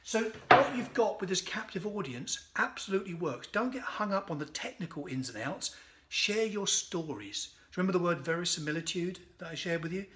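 A man in his fifties, a sales speaker, recording an energetic, punchy motivational message to camera in a sunny conservatory on a phone or webcam. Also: high voice, brisk.

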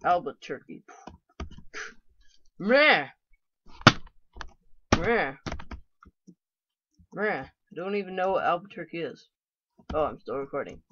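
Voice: medium pitch, big pitch swings, takes it slowly, pauses often, sharp tone, no room sound, highs cut off. A gamer giving casual let's-play commentary, chatty and talking to themselves with playful frustration. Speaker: gameplay commentator.

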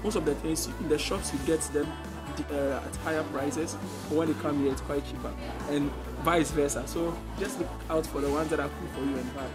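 Young man vlogging over loud music. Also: on the high side, steady tone, a little fast. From Ghana. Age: young adult. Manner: chatty, addresses viewers directly, frequent restarts. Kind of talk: casual vlog walkthrough. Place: large indoor supermarket. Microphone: handheld phone camera, walking.

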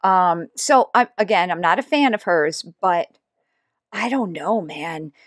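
A woman's voice: fairly low pitch, animated, unhurried, dry recording. Woman commentator, sarcastic reaction host, dry close sound. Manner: sarcastic, mocking asides. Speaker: YouTube commentator.

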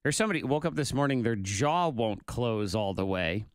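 A man's voice: medium pitch, animated, moderate pace, heavy background noise. A man in his thirties hosting a morning radio show from a studio, talking in a wry, playful way into a studio mic. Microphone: studio microphone with headphones.

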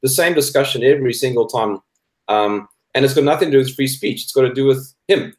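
This guest is a cartoonist, a South African man in his thirties, speaking a little fast in a medium-pitched voice. He argues his views in a debate chat with emphasis, saying phrases again to drive them home. The sound comes over a video call from an echoey indoor room.

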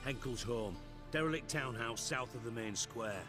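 An actor playing a gruff middle-aged spymaster, brusque, sarcastic and commanding. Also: male voice, mid-range voice, moderate pace, music in the background, close to an everyday voice. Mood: brusque, scornful.

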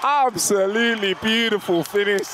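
A man's voice: high-pitched, normal speed, a crowd in the background, background noise. A man co-commentating live on a fight, admiring and repeating his phrases.

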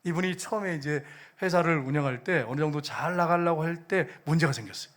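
A man preaching a sermon in a church, his voice sitting fairly high for a man. He tells stories with feeling and then swells into fervent appeals to the congregation. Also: fast talker, fairly bright tone. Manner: emotional storytelling, rising to fervent exhortation. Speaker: pastor. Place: church sanctuary.

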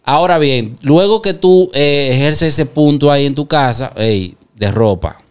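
A man with a Dominican accent hosting an interview, asking questions and affirming in a relaxed way. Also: a little high, a little slow, clear, resonant tone. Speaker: interview host. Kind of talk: casual interview.

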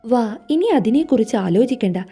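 A woman's voice: on the high side, expressive, a little fast, mellow, breathy edge, faint music behind. A woman reading a stern, bossy young husband. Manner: curt, bossy orders.

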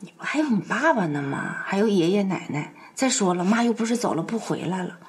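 An actress plays a village mother in a rural TV drama, firm and a little needling, yet softly coaxing, in a Northeastern Mandarin accent. Her voice sits at an ordinary mid pitch. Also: expressive, a little fast, natural voice. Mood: gentle. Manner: firm, gently coaxing, with sharp digs. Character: determined village mother leaving to work in the city.

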